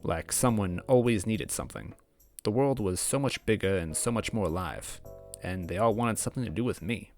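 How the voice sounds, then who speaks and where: With background music playing, a man hosts a story read-aloud series, chatting casually and narrating in the first person. His voice sits lowish and moves at a moderate pace.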